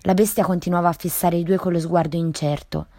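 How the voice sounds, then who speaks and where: A woman reads a short story aloud in a measured, storytelling manner. Her voice is on the low side. The recording is dry and close, with no room sound. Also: steady tone, mellow, no room sound. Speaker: reader.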